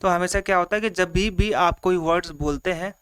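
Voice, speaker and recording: A man's voice: high voice, fairly quick, fairly bright tone, clear, resonant tone. A man teaching an online exam-prep lecture, explaining step by step, acting out examples and mixing in English terms. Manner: explains in simple repeated steps, acts out examples; mixes Hindi with English terms.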